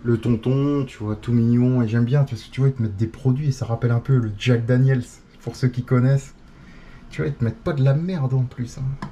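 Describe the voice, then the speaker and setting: A man's voice: mid-range voice, fairly even intonation, brisk, dark tone, dull audio, a little hiss or hum. A man vlogging casually from his hotel room, chatty and full of slang, talking straight to his viewers and calling himself by a nickname in the third person. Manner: slangy, chatty, addresses viewers as "les gars" and "les loulous". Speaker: travel vlogger. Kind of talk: casual vlog chat to camera.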